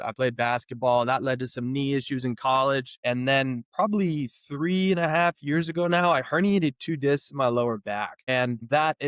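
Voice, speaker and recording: A thirty-year-old man from New England tells his story in a smooth, resonant voice. He talks relaxed and loose, with many fillers and false starts. The recording is close and dry. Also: medium pitch, dry recording. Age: 30s. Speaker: guest, physical therapist. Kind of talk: casual interview talk.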